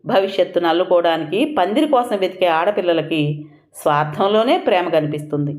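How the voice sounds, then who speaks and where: A woman's voice: lowish voice, lively intonation, a little fast, lightly acted. Madhavi, a woman reading as a stern, cutting wife. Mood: scornful. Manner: sharp, taunting questions. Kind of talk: audiobook dialogue reading.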